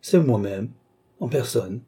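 A man's voice: mid-range voice, expressive, slow pace, dark tone, husky. A man voicing a witty, aging duke in an audiobook, mocking and theatrical in his banter. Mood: teasing. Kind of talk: audiobook character voice.

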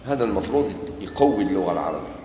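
A man's voice: lowish voice, very animated, rapid-fire, warm tone, reverberant, big-room sound, a little hiss or hum, low-quality recording. A man with an Algerian Arabic accent giving a Quran commentary lesson, talking conversationally and acting out everyday dialogues. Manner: conversational, mixes formal and colloquial speech, acts out street dialogues. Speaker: preacher.

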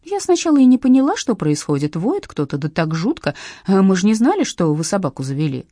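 A small, gossipy old neighbour lady, as a woman narrator puts her on, her voice lifted high and chattering. The reading is dry and close, with a slightly husky edge. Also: big pitch swings, brisk, dark tone, dry recording.

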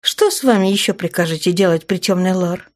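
Brief: female narrator voicing a sharp, scolding young heroine, brisk and clipped, audiobook. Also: fairly low pitch, natural voice. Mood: stern. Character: fiery young woman commander, anxious and stern.

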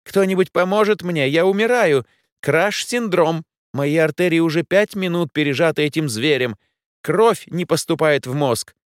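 A man's voice: sing-song, normal speed, no echo, studio quality. A man voicing a talking robot scooter, melodramatic and whiny. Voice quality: shrill, melodramatic wailing.

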